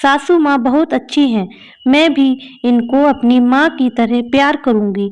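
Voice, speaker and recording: A woman's voice: sits high, a little slow, a little mellow, clean tone. A woman reading the lines of a shy, eager young bride who speaks politely and a little hesitantly.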